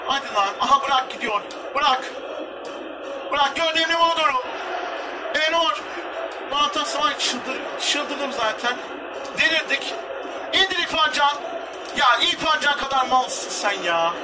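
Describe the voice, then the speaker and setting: A young man commentating his football video game, shouting and swearing in frustration at his players. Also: extremely high pitch, animated, measured pace, long pauses, distant mic, over music, low-quality recording. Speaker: gamer. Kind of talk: excited gameplay commentary.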